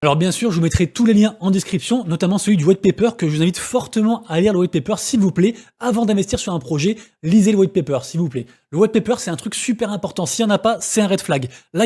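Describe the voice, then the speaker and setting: A man's voice: high voice, dark tone, husky. A man explaining a crypto game project in a casual, rambling video, with many fillers and restarts. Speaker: crypto YouTuber.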